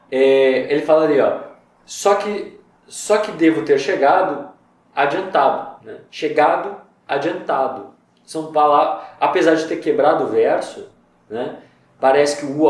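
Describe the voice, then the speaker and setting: A man's voice: fairly high pitch, darkish tone. Man, casual poetry lesson, talks it through, spells out syllables, very roomy echo, mic at a distance. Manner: conversational, spells out syllables slowly. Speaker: poetry teacher. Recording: very echoey room, voice far from mic.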